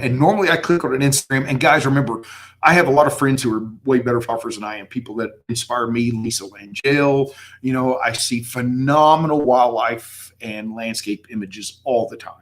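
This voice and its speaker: A man with a slightly slurry West Texas twang, chatting casually and effusively as host of a livestream. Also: medium pitch.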